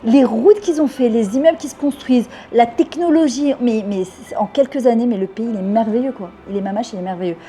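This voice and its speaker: A woman's voice: a little high, fairly quick, few pauses, warm tone, slight background noise. A woman of about fifty from France, talking fervently and at length in an interview, dropping in Hebrew words. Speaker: interviewee, French immigrant. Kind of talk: casual interview talk.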